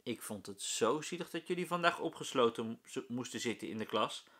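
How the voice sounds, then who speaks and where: A man voicing a fussy but kind male schoolteacher in a storybook, loud and animated. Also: medium pitch, brisk. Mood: teacherly.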